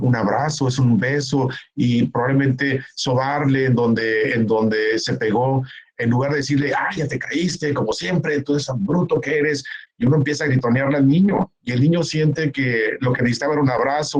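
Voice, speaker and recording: A man's voice: medium pitch, a little mellow, rough recording. A man, giving a conference talk in an earnest, explanatory way, often stopping to act out what parents say. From Mexico. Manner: earnest, explanatory, acts out parents and relatives in quoted asides. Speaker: keynote speaker. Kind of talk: conference talk, answering a question.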